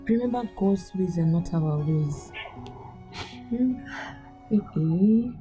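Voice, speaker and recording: An actress playing a consoling young friend, soothing and low-key. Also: female voice, animated, takes it slowly, music in the background. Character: consoling young female friend, gently teasing. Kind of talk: film acting.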